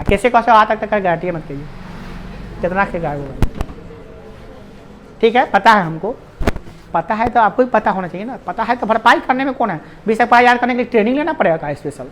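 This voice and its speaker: Slight background noise sits under a man's high, slightly bright voice as he runs a maths lesson in a Bihari Hindi accent. He banters with the students, teasing them and cracking jokes between each step.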